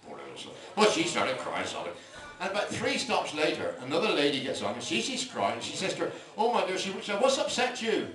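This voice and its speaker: Performing stand-up at a comedy club, an older man with a fairly high voice sounds very animated and a little fast, trading in dry one-liners and rambling tangents. Soft music plays behind him, the room echoes, the mic is far off, and a loud crowd laughs.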